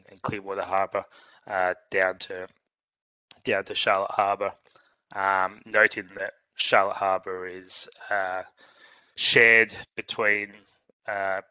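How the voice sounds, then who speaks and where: A man with a croaky, hoarse voice talks through a presentation, pausing and restarting often. His voice sits low yet comes across bright and forceful. The sound is dry and close. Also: no echo, low-quality recording. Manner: halting, many fillers and restarts. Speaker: presenter filling in for a scientist. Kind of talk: meeting presentation over a call.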